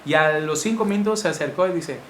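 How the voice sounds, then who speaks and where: A man with a Mexican Spanish accent teaching a Bible lesson to men, animated and acting out the voices of wives and husbands. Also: fairly high pitch, fast. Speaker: church teacher. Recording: echoey room with faint noise.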